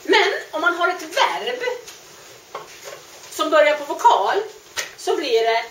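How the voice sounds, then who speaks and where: A woman teaching French grammar, explaining patiently and repeating each word slowly. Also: very high-pitched, sing-song, fairly bright tone, a little hiss or hum. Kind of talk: grammar lesson. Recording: echoey room, mic at a distance.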